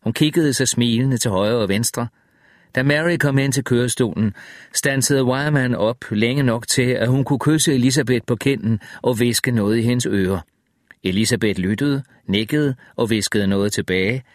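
A man reading an audiobook in steady, measured scripted narration, close to the microphone. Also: medium pitch, no echo.

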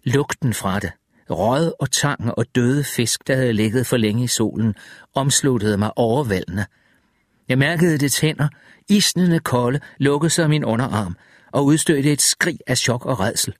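Male audiobook reader, middle pitch, tense and measured, dry booth. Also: expressive, dry recording. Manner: tense, measured horror storytelling. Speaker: audiobook narrator. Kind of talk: first-person audiobook narration.

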